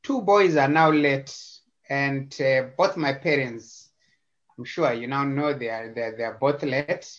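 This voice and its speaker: This interview guest is a man from Zimbabwe joining by video call, and the audio comes through a little dull. He has a medium-pitched voice and a measured pace, speaking casually and hesitantly with frequent repetitions and fillers.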